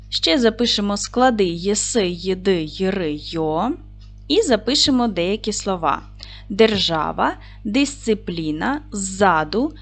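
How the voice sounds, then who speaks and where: In a mid-range voice, a primary school teacher leads a video lesson for young kids, talking slowly and clearly, lengthening words for dictation and offering encouragement.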